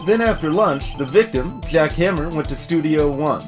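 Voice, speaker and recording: A man voicing a gruff, folksy, bumbling male police detective in a fan-voiced game playthrough, tagging his lines with "see?". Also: on the high side, animated, normal speed, voice pushed up, lightly acted. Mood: explaining. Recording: music playing behind the voice.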